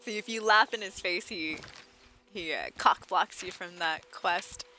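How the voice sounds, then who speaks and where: A woman's voice: fairly low pitch, a little slow, bright, forceful tone, a little hiss or hum. A woman doing casual, playful live commentary as a game streamer, with music in the background.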